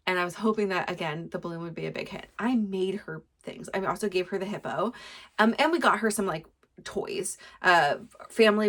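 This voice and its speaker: A woman's voice: medium pitch, creaky. A woman in her thirties hosting a podcast, chatting casually in a rambling way with plenty of fillers and small laughs. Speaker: podcast host. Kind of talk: casual solo chat.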